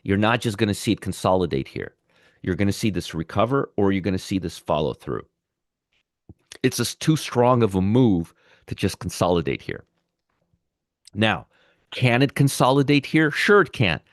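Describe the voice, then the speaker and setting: Feeling sick with a sore throat, the host of a live pre-market commentary show talks conversationally, going back over his points. His fairly low voice is very animated at normal speed, with long pauses, recorded in studio quality without echo.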